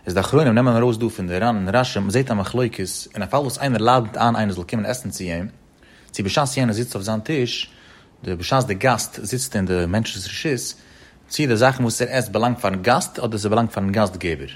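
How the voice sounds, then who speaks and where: A man giving a Talmud study lecture in a sing-song study-hall intonation, rising and dropping in pitch as he works through the text. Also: brisk. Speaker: Talmud teacher.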